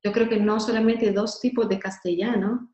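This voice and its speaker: A woman's voice: mid-range voice, fairly even intonation, normal speed, warm tone, reverberant, slight background noise, rough recording. A woman from Honduras, moderating an online webinar in a chatty way, with many fillers and repeated words.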